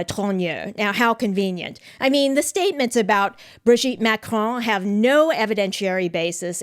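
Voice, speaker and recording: A woman giving measured, opinionated commentary on a court case as the host of an online show. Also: medium pitch, smooth. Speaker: legal commentator. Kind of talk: scripted commentary.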